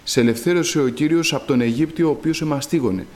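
Greek preacher with a fairly high voice. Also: male voice, a little mellow. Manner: reads scripture slowly, then preaches with rising emphatic bursts. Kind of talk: sermon.

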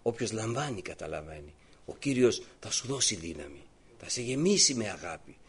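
A man preaching a sermon, moving between quiet storytelling and loud, fervent proclaiming. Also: on the low side, sing-song, slight background noise. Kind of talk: evangelical sermon.

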